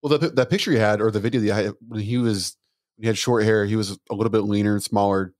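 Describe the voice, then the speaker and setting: Young male co-host, low voice, jokey, dry close sound. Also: steady tone, a little mellow, no room sound. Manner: joking, quick to laugh. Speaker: podcast co-host. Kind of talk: casual chat.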